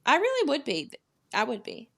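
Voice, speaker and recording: A young woman co-hosts a podcast in a relaxed, agreeable chatting style. Her voice is bright and forward. The sound is dry, with no room echo. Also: sits high, moderate pace, gravelly. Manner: relaxed, agreeable, frequent laughs and backchannels. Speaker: podcast co-host. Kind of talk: casual chat recap.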